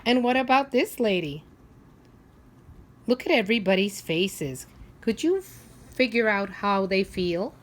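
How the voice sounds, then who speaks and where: With an expressive, medium-pitched voice, a female teacher leads young children through a read-aloud, posing easy questions and leaving pauses for them to think.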